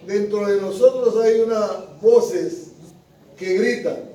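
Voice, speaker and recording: A man preaches a sermon in a high, mellow voice, drawing the congregation in with questions. The sound comes from a distance in a roomy, echoing space with faint background noise. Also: steady tone, slow pace. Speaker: pastor. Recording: echoey room with the mic at a distance.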